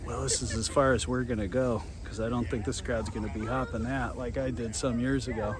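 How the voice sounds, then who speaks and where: Outdoors in a nature preserve, an American man hosting a casual local nature exploration vlog narrates and explains the area's history. His medium-pitched voice is fairly even in intonation and fairly quick, with crowd noise in the background.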